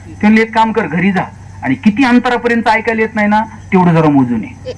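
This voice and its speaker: High-voiced man lecturing on stage. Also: animated, fairly quick, poor audio. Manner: storytelling, acts out quoted dialogue with shifting pitch. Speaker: public speaker. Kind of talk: motivational lecture with humorous stories. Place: stage at a lecture series before an audience.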